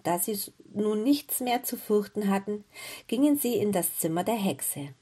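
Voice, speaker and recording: A woman reading a fairy tale aloud as storyteller, in a gentle, measured way. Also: mid-range voice, animated, slightly rough.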